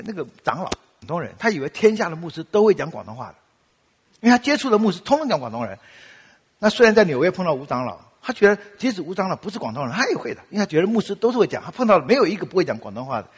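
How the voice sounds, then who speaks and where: Lively Taiwanese-accented man preaching. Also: sits high, breathy edge, big-room sound. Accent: Taiwanese Mandarin. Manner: animated, acts out quotes with laughs. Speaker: pastor. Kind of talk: sermon with storytelling.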